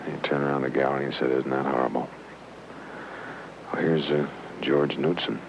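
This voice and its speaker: A man giving live golf commentary outdoors in a folksy, conversational way, often hushed near the putt. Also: a bass voice, level tone, a little fast, creaky. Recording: dull old broadcast, loud outdoor noise.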